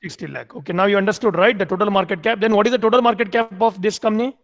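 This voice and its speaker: Guy teaching an mba class online, kinda high voice, keeps asking the students questions. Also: very fast, fairly bright tone. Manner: repeats points, quizzes students with questions. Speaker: MBA lecturer.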